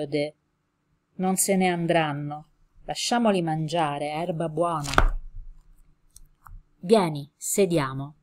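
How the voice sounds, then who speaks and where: Woman reading Ettore, a steady old innkeeper. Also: sits low. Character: older male innkeeper, protective and steady.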